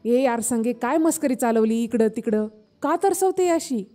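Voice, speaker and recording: A woman's voice: fairly high pitch, lively intonation, normal speed, dark tone, faint music behind, natural voice. Woman doing an impatient young village man. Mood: eager pleading. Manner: pleading, impatient calling out.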